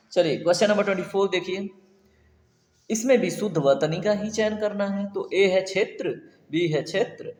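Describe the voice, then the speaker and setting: A man teaching Hindi spelling for an exam, chatty and quizzing his viewers, often checking they follow. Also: high-pitched. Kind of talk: online exam-prep lesson. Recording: echoey room with long reverb.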